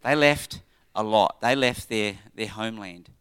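An Australian man giving an informal church tribute in a halting, conversational way, often checking in with his listeners. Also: fairly low pitch, a bit bright, smooth.

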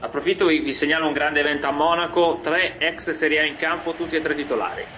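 Male co-host, sharp bright voice, wry jokey asides, faint hiss. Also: on the high side, fairly even intonation, fast talker, lo-fi sound. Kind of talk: casual football chat.

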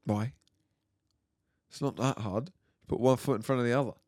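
A man's voice: mid-range voice, fairly even intonation, darkish tone, no room sound. British guy cohosting a chatty podcast, jokey and teasing, mid voice, dry close sound. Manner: joking, teasing, quick to laugh. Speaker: podcast co-host. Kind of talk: casual chat.

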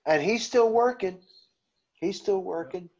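A man's voice: sits high, measured pace, darkish tone, dull audio. Older New Jersey man, rambling. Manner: rambling, hesitant with many fillers. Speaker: veteran guest. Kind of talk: casual video-call interview.

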